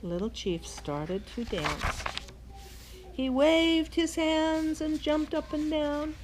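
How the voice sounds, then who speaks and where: Slow-paced and high-voiced, an older woman expressively reads a bedtime story for children in a grandmother's role. Background noise runs through the recording.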